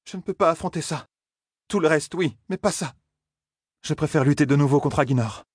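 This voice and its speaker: A man's voice: a little high, a little fast, slightly rough, dry recording, studio quality, voice pushed up. A man voicing a fiery, frightened young woman in an audiobook, in a raised, tense voice. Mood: distressed. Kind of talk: audiobook character voice.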